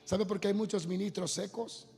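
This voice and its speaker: A man preaching a sermon to a congregation, building from storytelling into loud, half-sung shouting. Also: high-pitched, fairly even intonation, moderate pace, gravelly. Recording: long hall reverb, faint music.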